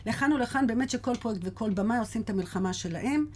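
A woman's voice: fairly high pitch, darkish tone, slight background noise. A woman with an Israeli accent speaking conversationally as an interview guest, often repeating words for emphasis. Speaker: casting director interviewed as guest.

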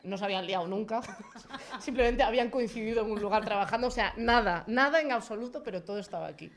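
A woman's voice: fairly high pitch, fast. A woman with a Spain Spanish accent, co-hosting a podcast, teasing and wry in casual chat. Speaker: podcast co-host.

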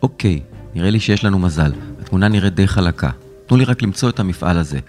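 A man reading as a brisk young tech helper. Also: low-pitched, lively intonation, faint music behind. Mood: matter-of-fact. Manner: hushed, then brisk and matter-of-fact. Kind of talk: storybook character reading.

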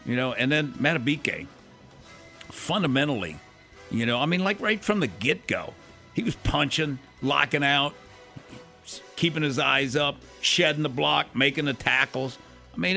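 A man's voice: medium pitch, vocal fry, bright, forceful tone. A man co-hosting sports radio, giving casual football analysis.

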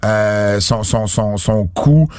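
A man's voice: fairly low pitch, slow pace, a little mellow, no echo. Hesitant Quebec French man, dry sound. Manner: hesitant, many fillers and restarts. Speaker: wrestling podcast co-host. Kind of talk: casual chat.

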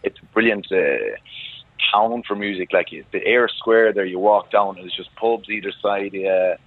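A man's voice: fairly low pitch, moderate pace, no echo. A man from Galway with a western Irish accent, chatting casually as an interview guest in a rambling, repetitive way. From Galway, Ireland. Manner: rambling, repeats phrases. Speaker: wedding singer and musician guest. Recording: narrow phone-like radio line, dry.

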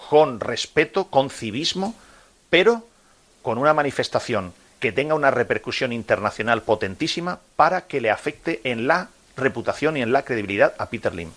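A man's voice: mid-range voice, a bit bright. Fired-up radio host guy in his 50s from murcia, preachy, talks right at the listeners, throws out rhetorical questions. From Murcia, Spain. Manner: impassioned, addresses listeners directly, rhetorical questions. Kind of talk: opinion monologue on sports radio.

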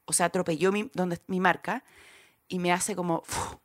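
A young Chilean woman co-hosting a podcast, telling a story in casual chat with quick asides and laughter. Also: lowish voice, steady tone. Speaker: podcast co-host.

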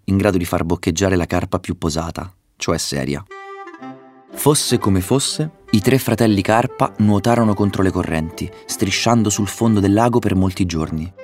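A man narrating a fable in a measured storytelling manner. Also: low-pitched, darkish tone. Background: faint music.

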